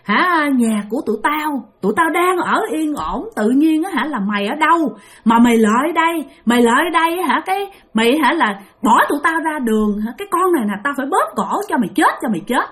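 Vengeful male ghost spirits of long-dead soldiers, as a woman storyteller puts them on, screeching threats through a possessed body in a Southern Vietnamese accent. The voice climbs high and sharp as they scold. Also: very animated, fairly quick. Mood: furious.

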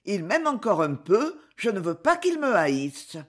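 Reader doing an anguished wife for an audiobook: lively pitch, slightly husky. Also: measured pace. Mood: distressed. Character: anguished wife, a woman afraid for her husband. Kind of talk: audiobook dialogue.

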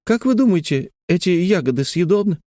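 A man doing a whiny little girl, raised pitch. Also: animated, a little fast, mellow, no room sound, studio quality. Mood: petulant. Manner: petulant and pouting. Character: whiny, stubborn young girl.

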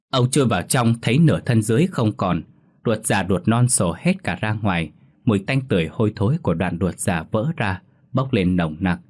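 Low-voiced man narrating a ghost story. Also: breathy edge. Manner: steady, dramatic storytelling. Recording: faint music underneath.

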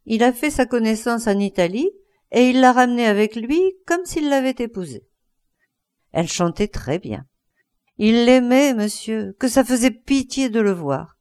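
A woman's voice: on the high side, expressive, moderate pace, darkish tone, clean tone, lightly acted. A woman doing a dry, pious old housemaid. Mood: confiding. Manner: dry, curt, then confiding.

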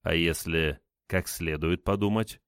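A curt investigator presses with short, probing questions, read by a man. His voice is very deep and low in level, with a dry sound. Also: fairly even intonation, measured pace, a bit bright, clean tone, no echo. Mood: stern. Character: curt stern male investigator.

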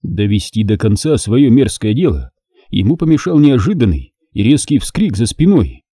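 Man, audiobook narrator, dark mellow tone, husky, dramatic reading. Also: mid-range voice, very animated, normal speed, no echo, studio quality.

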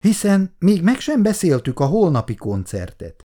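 A man's voice: a little high, wildly swooping pitch, dark tone, pitched above the performer's own voice. A reader voicing an awkward young man who apologizes in a flustered, pleading way in a storybook reading.

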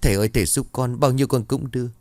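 A man's voice: mid-range voice, very fast, a little mellow, dry recording, voice pushed up, natural voice. A man doing a panicky pleading woman. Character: frightened middle-aged woman client, pleading.

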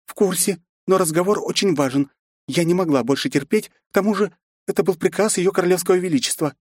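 Male reader doing a young princess, sad, courteous, high voice, dry close sound. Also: fast, darkish tone, no room sound. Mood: formal. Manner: polite, subdued.

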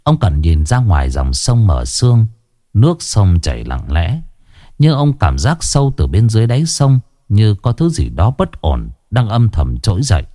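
A man's voice: fairly low pitch, huge pitch swings, moderate pace, mellow, no echo, studio quality. A man telling a horror story in dramatic, suspenseful scripted narration.

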